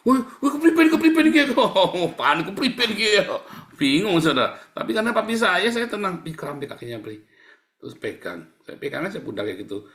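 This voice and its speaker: A male pastor delivering a sermon, swinging from loud acted-out cries to soft, quiet asides. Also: on the high side. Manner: animated preaching, swings between loud and soft, acts out cries. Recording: echoey church hall.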